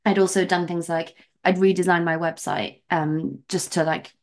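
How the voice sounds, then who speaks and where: A woman's voice: on the low side, fairly even intonation, moderate pace, a little mellow. A young woman from England, a podcast guest, chatting casually and animatedly with lots of "like" fillers. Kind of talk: casual interview chat.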